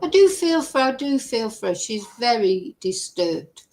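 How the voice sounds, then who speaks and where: Here a woman with a slightly high, darkish voice swings widely in pitch, and the audio quality is poor. As host of a true crime channel, she chats casually over a live news stream, slowly reading out news text and adding asides of her own.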